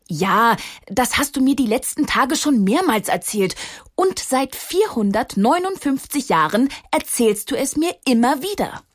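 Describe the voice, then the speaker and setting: A woman voicing a small, talkative male stone with a bright, high voice in a children's story. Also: lively intonation, a little slow. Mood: chatty. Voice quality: high, clear voice. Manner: eager, talkative.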